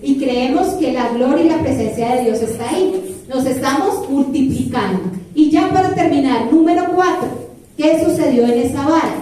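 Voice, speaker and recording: A high-pitched woman preaches to her congregation, lively and playful, sometimes singing her lists. Her voice is mellow rather than bright. It comes from a distance in a very echoey church hall. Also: moderate pace. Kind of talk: sermon. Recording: very echoey hall, far from mic.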